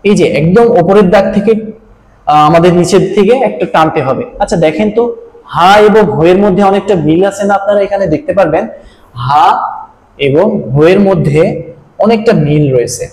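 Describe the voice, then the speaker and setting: A man's voice: high-pitched, a little fast, darkish tone. A man teaching a step-by-step video lesson on writing Japanese letters, explaining patiently with small fillers. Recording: echoey room.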